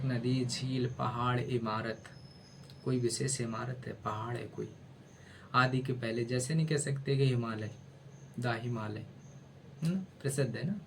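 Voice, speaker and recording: A male teacher taking his time through a grammar lesson, in a voice of ordinary middle pitch. He spells words out one letter at a time and keeps asking his listeners questions before answering them himself. He talks to them like a friendly older brother. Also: slight background noise, rough recording. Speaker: English teacher. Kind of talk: explaining grammar in a video lesson.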